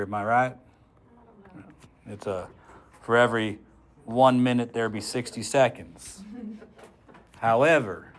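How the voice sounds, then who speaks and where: Chatty joking male teacher working physics. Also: medium pitch. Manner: joking, chatty, talks through arithmetic step by step. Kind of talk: classroom lecture, working an example. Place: classroom with students.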